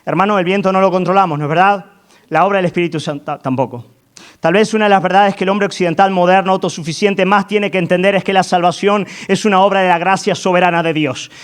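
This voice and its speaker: A male pastor delivers a fervent sermon in a fairly high voice. He builds to emphatic peaks, asks his congregation for agreement, and often restarts and repeats his words. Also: quick pace.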